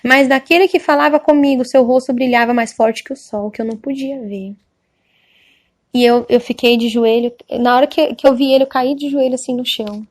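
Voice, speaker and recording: A woman's voice: on the high side, steady tone, a little fast. Earnest Brazilian woman giving testimony. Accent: Brazilian Portuguese. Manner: emotional, earnest, with frequent "amém?" to listeners. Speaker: church member giving testimony. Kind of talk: spoken religious testimony.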